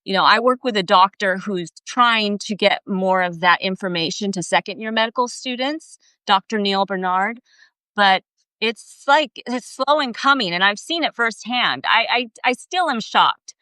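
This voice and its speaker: A woman's voice: medium pitch, moderate pace, pushed and bright, clear, resonant tone, no room sound. A woman hosting a casual live video chat, telling a story in an earnest, emphatic way. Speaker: host. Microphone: video call.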